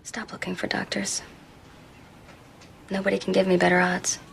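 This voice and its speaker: A tired, firm young pregnant woman who keeps refusing her family's pressure. Her voice sits a little low. A faint hiss lies underneath. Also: brisk, fairly bright tone. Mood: weary. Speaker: pregnant sister.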